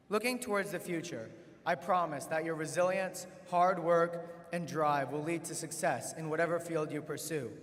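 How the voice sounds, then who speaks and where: A man's voice: on the high side, a bit bright. A young man in his late teens giving a formal podium speech as a student valedictorian at a graduation. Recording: hall reverb from PA-style speech.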